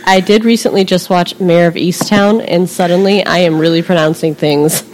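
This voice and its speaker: Playful woman with a low voice. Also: fairly even intonation, normal speed, very noisy. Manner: playful, enthusiastic, laughs easily. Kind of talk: casual conversation.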